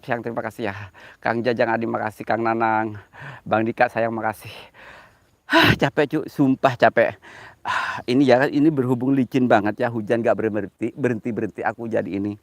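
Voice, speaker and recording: A man's voice: mid-range voice, fairly even intonation, brisk, no room sound. A man live-streaming outdoors in the rain, out of breath as he climbs a slippery slope, joking, flirting and thanking viewers by name.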